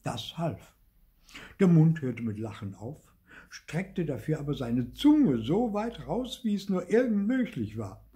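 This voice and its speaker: An older man reading a children's storybook aloud in an expressive way. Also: on the high side, a little slow. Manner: expressive, lively read-aloud.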